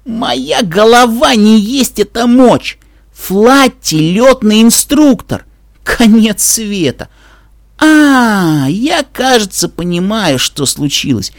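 A man reading a story aloud and voicing a brash, tomboyish young female pegasus pony who scoffs loudly in dramatic outbursts. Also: high-pitched, expressive, slow pace, gravelly, no echo, studio quality, pitched above the performer's own voice, heavily acted. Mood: outraged. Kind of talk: audiobook character voice.

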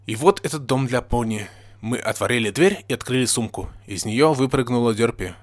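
A man reading a fan story aloud in a plain, steady narrating voice. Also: medium pitch, fairly quick, no echo, studio quality. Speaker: story reader.

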